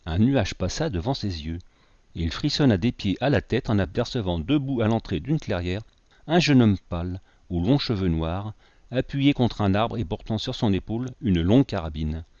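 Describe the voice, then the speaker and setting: Low-voiced man narrating a novel. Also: no room sound. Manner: measured, expressive reading. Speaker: audiobook narrator. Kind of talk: scripted narration. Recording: dry, slightly dull recording.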